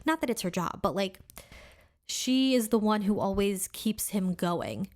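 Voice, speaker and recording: A woman's voice: medium pitch, expressive, a little slow. A woman co-hosting a podcast, chatting casually with lots of laughter and filler words. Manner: chatty, laughs often, many "like"s and "you know"s. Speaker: podcast co-host. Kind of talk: casual chat.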